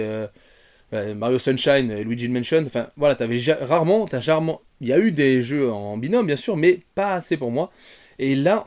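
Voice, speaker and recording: A man rambles through an unscripted film review, restarting his sentences and padding them with fillers. He speaks directly to his viewers, moving from quiet muttered asides to sudden loud exclamations. His pitch sits right in the middle for a man. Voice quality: bearded. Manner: animated, swings from soft asides to loud outbursts. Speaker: retrogaming YouTuber.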